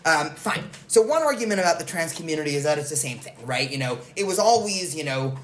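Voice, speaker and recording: A man's voice: a little high, expressive, fast, fairly bright tone. A man hosting a podcast in casual conversation, rambling and correcting himself with lots of fillers. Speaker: podcast host. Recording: roomy echo, faint noise.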